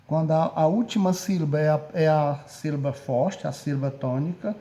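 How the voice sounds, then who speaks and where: A man's voice: a little high, normal speed, dark tone. A man with a Brazilian Portuguese accent teaching a recorded grammar lesson, speaking patiently and often checking in with his students. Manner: patient, repeats and checks with "certo?".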